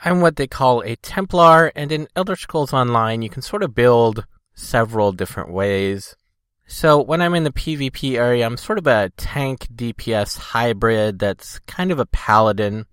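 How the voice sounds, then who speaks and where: A man's voice: medium pitch, expressive, moderate pace, fairly bright tone, clear, resonant tone, dry recording, clean studio sound. A man hosting a casual solo podcast, rambling informally, congested with a cold and talking a little thickly from a swollen tongue. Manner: informal, loosely hedged rambling. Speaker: podcast host.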